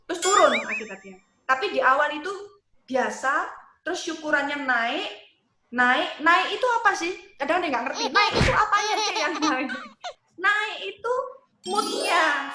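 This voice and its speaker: A woman teaching worship leading in a casual, lively way, acting out prayer lines as examples. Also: high-pitched, reverberant, noisy background. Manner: lively, demonstrates prayer phrases and sings snippets.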